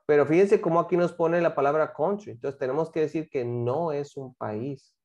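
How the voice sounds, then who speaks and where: A woman teaches English and explains homework to her class, patiently checking with frequent questions that students are following. Her deep voice has a darkish tone and normal speed, and the recording is muffled.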